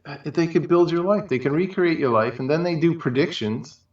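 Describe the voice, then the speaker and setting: A man with a slightly high, darkish voice talks briskly as co-host of a casual chat, wandering colloquially through example after example. The audio is muffled and echoey, captured far from the microphone.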